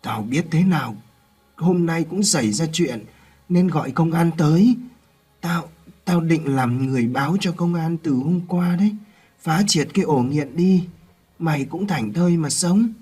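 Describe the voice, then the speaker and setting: A man doing a frail, fatherly old man in a ghost-story reading, his voice weak and strained. The tone is mellow and a little husky, with soft music underneath. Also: a little high, a little slow, voice pushed up. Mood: weak pleading.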